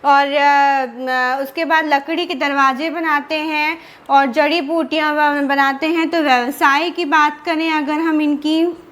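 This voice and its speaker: A woman with an Indian Hindi accent teaches an exam-prep lesson at an unhurried, deliberate pace. Her voice sits high, and she poses questions aloud, then answers them by repeating the key words. The delivery is patient and drill-like, built for note-taking. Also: steady tone, a bit bright, a little hiss or hum. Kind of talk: classroom lecture with repetition and revision.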